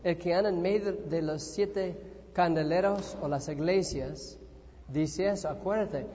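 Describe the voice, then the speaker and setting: A man preaching a sermon in a church, telling a personal story with animated energy and acting out his own panic. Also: high-pitched. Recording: echoey hall, dull lo-fi sound.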